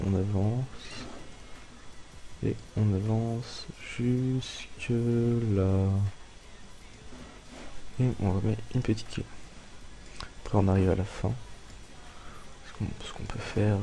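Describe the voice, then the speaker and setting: Gravelly low man giving a tutorial. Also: dark tone, a little hiss or hum, low-quality recording. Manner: thinks aloud while clicking, talks straight to viewers. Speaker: tutorial maker. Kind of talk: casual screen-recorded software tutorial.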